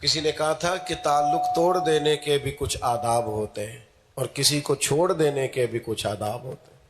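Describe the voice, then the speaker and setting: A man preaching an emotional sermon, moving between soft storytelling and loud, fervent climaxes. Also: mid-range voice.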